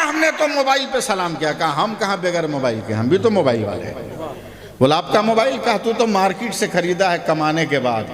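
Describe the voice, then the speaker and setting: A man giving a humorous sermon at a public gathering, telling a story and acting out the dialogue, often rising to shouts. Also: fairly high pitch. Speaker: Islamic preacher. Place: large hall at a public gathering. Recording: long hall reverb with loud crowd.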